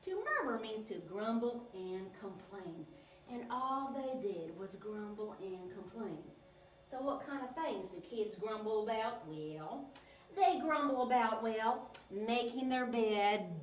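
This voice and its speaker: This woman's fairly high, animated voice moves at a slow pace as she performs as a clown, recounting a Bible story for kids with sing-song exaggeration. The lesson is lively, captured from afar in a reverberant room with a little noise.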